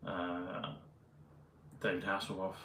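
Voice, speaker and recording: Low flat-voiced man rambling. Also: slight background noise. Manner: meandering, hesitant, many pauses and fillers. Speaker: vlogger. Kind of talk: rambling casual monologue. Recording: roomy, mic at a distance, faint ambience.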